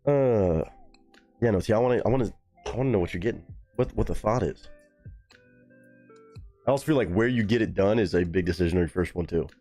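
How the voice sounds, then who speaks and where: A man's voice: fairly low pitch, a little fast, long pauses, dark tone, faint music behind. A man hosting a live stream in loose, casual chat, swearing freely and answering his chat.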